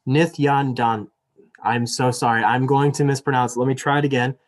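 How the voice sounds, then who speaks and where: A fast-talking young man, the student elections director, moderates a live debate over video call in a mid-range voice with little pitch movement. His apologetic, filler-laden chatter precedes a formal reading of the rules.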